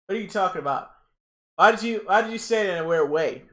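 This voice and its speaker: A young man hosting a casual livestream reaction, excitable and rambling, repeating himself and talking to his chat. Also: high-pitched, fast. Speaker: livestream host.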